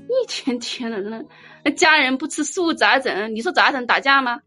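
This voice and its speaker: A woman giving an informal dharma talk as a Buddhist teacher, blunt and teasing, telling lively stories. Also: high-pitched, unhurried, faint music behind. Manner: blunt, teasing, animated storytelling.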